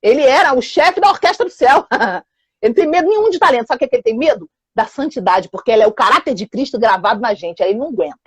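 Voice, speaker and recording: A woman preaches and tells a testimony, her husky voice riding high and swinging widely in pitch. She moves between loud outbursts and hushed passages as she acts out the story. The sound is dry and close, with no room around her. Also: expressive, fast talker, no room sound.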